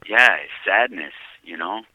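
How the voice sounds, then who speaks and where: This incarcerated caller speaks slowly in a lowish voice over a dry-sounding prison phone line. It's a casual chat where he reflects on his story, frequently checking "you know what I mean?".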